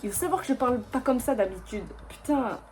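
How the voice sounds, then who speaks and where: A young woman vlogging casually, chatty and self-mocking, quick to exclaim. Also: on the high side, a little mellow, slight background noise. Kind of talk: casual vlog chat.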